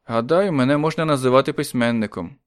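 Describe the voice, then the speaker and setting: A man voicing a quiet, lonely writer who answers politely and mildly, in an audiobook story. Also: mid-range voice, fast, lightly acted. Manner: polite, mild, softly protesting. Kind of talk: audiobook reading.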